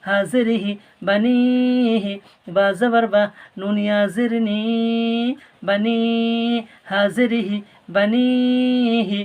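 Gravelly guy teaching quran reading, drills syllables slow and repeats them, explains rules softer and faster. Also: high-pitched, flat delivery. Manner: spells letters and vowel marks slowly, repeating each word; explains rules quickly and softly between drills. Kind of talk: slow drilled recitation lesson, spelling out syllables.

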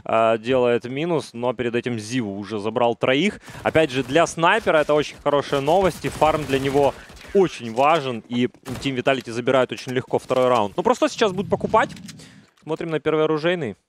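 A man working as an esports caster, calling a live shooter match excitably and lifting his delivery on big plays. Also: medium pitch, a little fast, a little hiss or hum.

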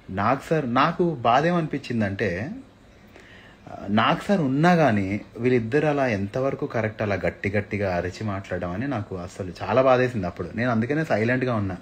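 Low-voiced man on a live stream. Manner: switches between Telugu and English, frequent hesitations. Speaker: reality show contestant speaking to fans. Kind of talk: casual live stream monologue. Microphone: phone or webcam live stream.

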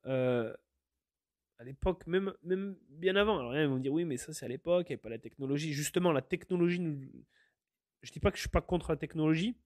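A man delivers an opinionated podcast monologue, restarting his phrases and filling pauses as he thinks aloud. His voice sits a little high for a man. The recording is dry and close, with no room sound. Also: a little mellow, dry recording. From France. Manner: earnest, opinionated, many restarts and fillers. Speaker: podcast host.

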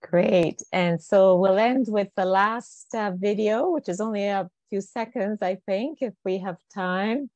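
A woman's voice: medium pitch, a little slow, hardly any pauses, darkish tone, no echo, dull audio. A woman host closing an online presentation, speaking with many fillers and restarts. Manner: filler-heavy, hesitant. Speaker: webinar host.

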